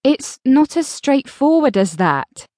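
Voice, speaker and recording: A flustered young private investigator, defensive and indignant, her voice leaping up in pitch as she protests in a woman narrator's own reading. She speaks slowly and close to a dry studio mic. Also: very animated, a little mellow, dry recording, exaggerated voice.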